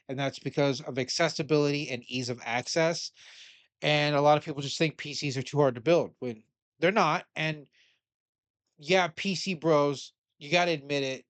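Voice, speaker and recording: A man with a fairly high voice talks through a news article in a casual, blunt way, cursing now and then and pushing back on what it says. The sound is dry and close, with no room around it. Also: no room sound. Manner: blunt, opinionated, swears casually; argues with the article as he reads it aloud. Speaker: commentator.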